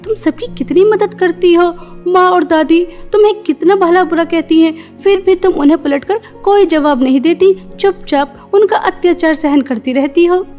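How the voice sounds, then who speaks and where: A woman voicing a loyal, spirited young woman in an animated story, earnest and firm as she speaks up for her sister. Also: very high voice, moderate pace, soft background music. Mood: coaxing.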